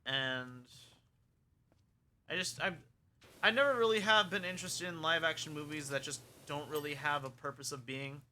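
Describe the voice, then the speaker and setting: A man's voice: fairly high pitch, normal speed, bright, forceful tone. A young man streaming a game and chatting casually, rambling frankly through his opinions.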